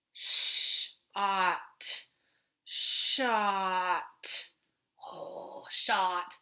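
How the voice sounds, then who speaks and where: Woman, kindergarten teacher at home, bright clear tone, slow and patient phonics delivery. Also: mid-range voice. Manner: slow, patient, stretching out letter sounds. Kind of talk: teaching phonics to young children.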